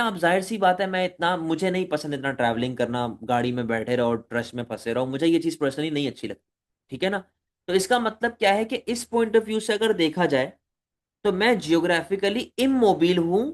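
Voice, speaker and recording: A man giving an economics lecture, talking to students as "beta", asking rhetorical questions and mixing in English terms. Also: on the high side. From Pakistan. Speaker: economics teacher. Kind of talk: recorded lecture.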